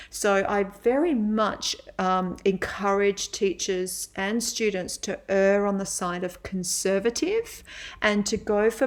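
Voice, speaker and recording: A middle-aged woman, a physiotherapist and yoga teacher, giving a webinar lecture in a measured way with frequent pauses. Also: mid-range voice.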